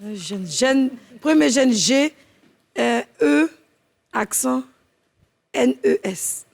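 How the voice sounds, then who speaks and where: A woman plays a studio quiz game. Her voice is gravelly and husky, and she hums, hesitates and jokes while she spells out her answers. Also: high voice, expressive, drawn-out words. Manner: playful, hesitant, thinking aloud and joking while spelling. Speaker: game show contestant.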